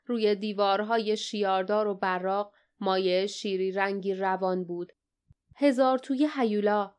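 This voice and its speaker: A woman's voice: fairly even intonation, clean tone. A woman narrating an audiobook, reading the characters' dialogue with a livelier, raised voice. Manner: reads dialogue with raised pitch and energy.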